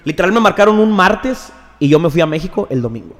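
A young Mexican man tells his story loosely, dropping slang in nearly every phrase. His voice sits a little high. The room gives a long, ringing reverb. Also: sing-song, fast talker. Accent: Mexican Spanish. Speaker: podcast guest. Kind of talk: casual chat.

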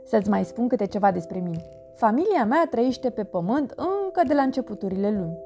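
A cheerful little boy earthworm, as a woman puts him on, brags and tells his storybook adventure. The voice sits fairly high and leaps about with playful energy. Music plays steadily behind him. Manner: lively, playful, animated storytelling. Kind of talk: storybook narration in character. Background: background music.

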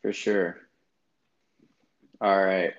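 A man's voice: low voice, level tone, drawn-out words, muffled recording. A man co-hosting a sports podcast, easygoing and steering the talk. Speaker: podcast co-host. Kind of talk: casual sports chat.

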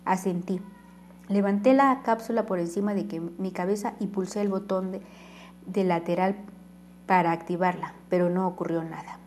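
A woman's voice: on the low side, fairly even intonation, normal speed, darkish tone, a little hiss or hum. A woman narrating a first-person novel aloud, reading dialogue with light shifts and sometimes stumbling and restarting. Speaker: audiobook narrator.

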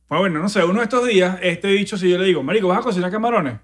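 A man's voice: high voice, racing. A young man with a Venezuelan accent, complaining in an exasperated, joking way during a podcast chat. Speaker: podcast co-host. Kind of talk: casual chat.

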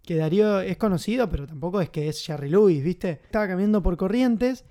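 Casting: Argentine man, casual film-review host, chatty, high mellow voice. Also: quick pace. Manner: chatty, enthusiastic, many fillers.

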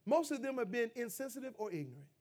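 A middle-aged man delivers a sermon in a notably high voice. He builds to loud, emphatic peaks, then falls back into low, quiet asides to the congregation. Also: very animated, fast. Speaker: pastor.

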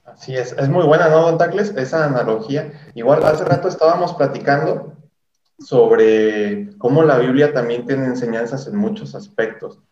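A man's voice: medium pitch, moderate pace, darkish tone, roomy sound, highs cut off. A male host, speaking reflectively in casual chat.

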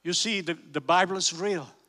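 A man's voice: high voice, sharp tone. An Italian man preaching a sermon in non-native English, line by line with an interpreter, emphatic and often calling out hallelujah. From Italy. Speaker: guest preacher. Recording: long hall reverb.

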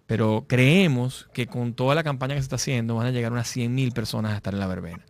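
A middle-aged man with a Venezuelan accent, a guest speaking in a casual interview, animated, repeating and restarting his words. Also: medium pitch, quick pace, gravelly, dry recording. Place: lives in Madrid.

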